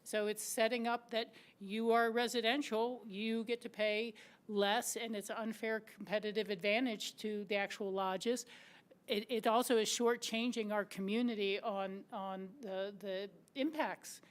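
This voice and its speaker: Earnest American council woman, a bit hoarse. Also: mid-range voice, fairly even intonation, a little slow. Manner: earnest, argues point by point with many restarts. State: slightly hoarse, clearing her throat. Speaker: city council member. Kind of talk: council meeting debate.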